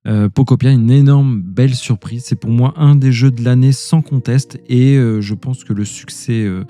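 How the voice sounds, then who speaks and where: A man hosting a podcast in casual chat, choosing his words in hesitant, measured phrases. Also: medium pitch, mellow. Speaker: podcast host. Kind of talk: casual game review and chat.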